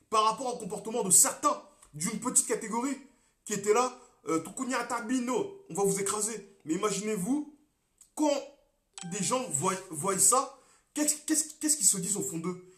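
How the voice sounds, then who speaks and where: A young Congolese man, a political activist, talking on a live stream with passion, repeating himself and swinging between loud and quiet. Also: sits high, reverberant. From Congo (DRC). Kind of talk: monologue on a Facebook live stream.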